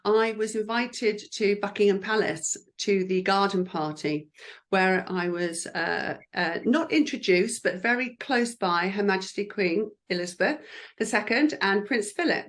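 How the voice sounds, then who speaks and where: A woman's voice: medium pitch, measured pace. A woman who works as a lip speaker, chatting in an encouraging way about the job in an interview, with frequent fillers. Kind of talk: careers advice interview.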